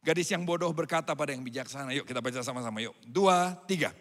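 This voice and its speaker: A pastor preaching a sermon to his congregation, swinging between loud calls and quiet asides. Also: medium pitch, quick pace. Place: church hall. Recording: hall reverb.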